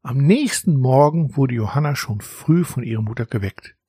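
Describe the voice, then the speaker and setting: A man calmly narrating a children's story as an audiobook reader. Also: medium pitch, normal speed, slightly rough, dry recording, clean studio sound.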